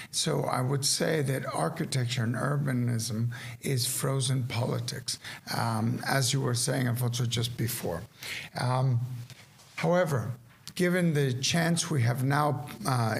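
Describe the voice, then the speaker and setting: Gravelly man giving a lecture. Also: mid-range voice. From Caracas, Venezuela. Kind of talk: conference lecture. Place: indoor seminar room at a lectern. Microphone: lectern microphone.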